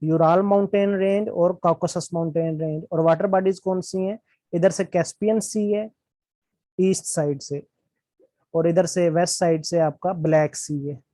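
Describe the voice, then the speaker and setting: Patient male teacher, mellow, dry. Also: sits high, fairly even intonation, no echo. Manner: explains slowly with constant check-ins and repetition. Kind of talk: classroom lecture.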